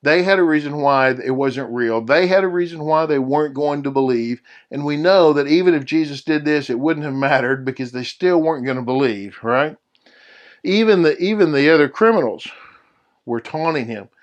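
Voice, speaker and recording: A man's voice: on the high side, moderate pace, lo-fi sound. A middle-aged man teaching a Bible study lesson in a conversational way, often checking in with his listeners.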